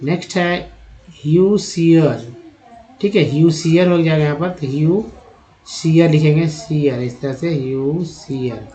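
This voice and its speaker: A man's voice: on the high side, takes it slowly, mellow. A man teaching English reading, sounding out words syllable by syllable and repeating each one. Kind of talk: slow word-by-word reading lesson. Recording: dull lo-fi recording.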